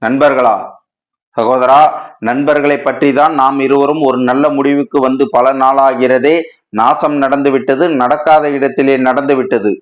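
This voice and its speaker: A man's voice: medium pitch, flat delivery, measured pace, natural voice. A man voicing an anguished male writer in a storybook reading, lamenting in a dramatic, wordy way, on a dull lo-fi recording. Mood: grieving. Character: anguished male writer, grief-stricken and impassioned.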